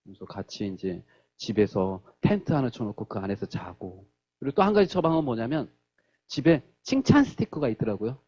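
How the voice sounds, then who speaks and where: A man's voice: mid-range voice, fairly quick, breathy edge, muffled recording. A male pastor preaching a sermon in a church, telling stories and acting out the quotes. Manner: animated storytelling, acts out quotes.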